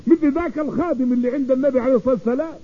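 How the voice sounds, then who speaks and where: A man's voice: very high voice, very fast, slightly rough. A man preaching and telling a story, repeating his phrases for emphasis. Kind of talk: sermon storytelling. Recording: tinny phone-like radio broadcast.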